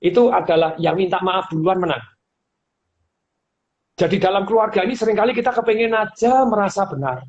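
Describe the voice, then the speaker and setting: A middle-aged man giving casual advice as a guest speaker, animated, laughing often and acting out the lines he quotes. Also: high-pitched, brisk, long pauses. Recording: dull lo-fi audio with faint hiss.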